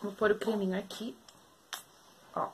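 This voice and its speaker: A young Brazilian woman, a beauty vlogger, chats casually to the camera throughout a hair tutorial filmed in her small bedroom lined with shelves. Her mid-range voice stays level and a little slow, and she keeps saying "gente" and "meninas." The recording is rough, with a faint hiss or hum.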